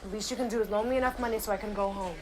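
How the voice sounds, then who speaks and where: A wry, stranded young woman, played by a woman, speaks in a dry, deadpan way. Her voice has a middle pitch. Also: rapid-fire, close to an everyday voice. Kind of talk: film dialogue.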